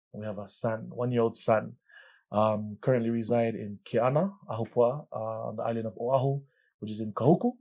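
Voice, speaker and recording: Warm, gracious man from Tonga. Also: mid-range voice. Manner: warm, grateful, laughs easily. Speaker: podcast co-host. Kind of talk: casual podcast chat.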